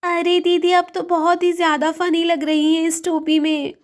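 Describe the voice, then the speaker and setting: A cheerful young sister-in-law, voiced by a woman in a homemade doll storybook. She chats and teases her elder in a high voice. Respectful but playful. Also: little pitch movement, normal speed. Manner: chatty, teasing, respectful to elder.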